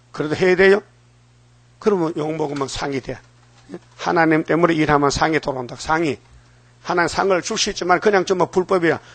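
A man's voice: fairly high pitch, a bit bright, dry recording. An older man preaching a sermon, firing rhetorical questions at the congregation and acting out quoted voices. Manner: dramatic, acts out quoted voices. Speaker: pastor.

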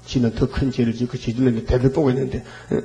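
A male pastor preaching a fervent sermon, asking rhetorical questions and filling pauses with hesitations. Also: mid-range voice, level tone, dark tone, dull audio.

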